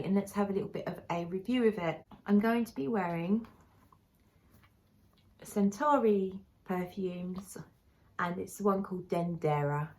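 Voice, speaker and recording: A woman with a lisp and whistling s from a brace, giving a casual, rambling review to camera as a perfume reviewer. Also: medium pitch.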